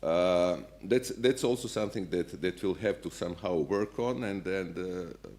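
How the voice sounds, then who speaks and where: A man with a notably low voice talks on a conference panel as a policymaker. He pauses often and restarts his sentences, searching for words. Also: a little mellow. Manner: hesitant, many fillers and restarts. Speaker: central bank policymaker.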